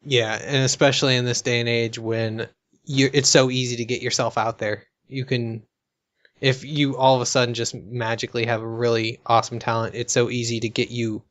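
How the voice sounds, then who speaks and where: An American man co-hosting a casual podcast chat, easygoing and quick to laugh, talking in long musing turns. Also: mid-range voice, fairly bright tone. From United States. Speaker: co-host.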